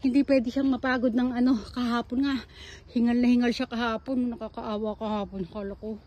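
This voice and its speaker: A woman's voice: little pitch movement, fairly quick, mellow. Chatty woman vlogging on a walk. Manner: chatty, calls her dog in a high sing-song voice. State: out of breath. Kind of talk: casual walking vlog, talking to camera. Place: outdoor garden and dog run on a hillside.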